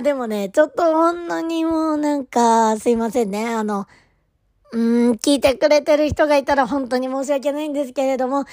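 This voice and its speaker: A woman's voice: on the high side, a little mellow, no echo. Gushing woman fangirling, dry close sound. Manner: gushing, rambling, drops to near-whisper at times. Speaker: idol fan vlogger. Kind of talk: casual solo talk to camera.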